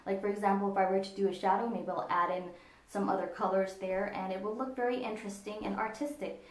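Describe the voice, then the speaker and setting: A woman giving a casual makeup tutorial, talking in a relaxed, meandering way with frequent ums. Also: mid-range voice, quick pace. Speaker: makeup vlogger. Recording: echoey room.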